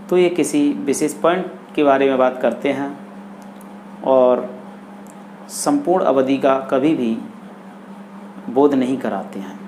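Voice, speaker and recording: A man gives an English grammar lesson in Hindi at a slow, unhurried pace. He repeats each example sentence carefully. A faint steady noise sits under the recording. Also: on the high side. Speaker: English teacher.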